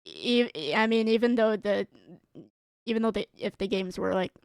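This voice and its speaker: Wrapping up her stream, a tired-sounding woman rambles and giggles, laughing often and using lots of fillers, her voice strained. It's mid-range with vocal fry at normal speed, recorded at studio quality with no room sound.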